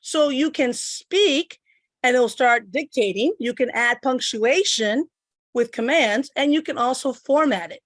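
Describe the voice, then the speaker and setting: A middle-aged woman from Puerto Rico explains each click of an instructional tech demo as she works at her computer. Her high-pitched voice is unhurried, and the computer-microphone recording has no echo.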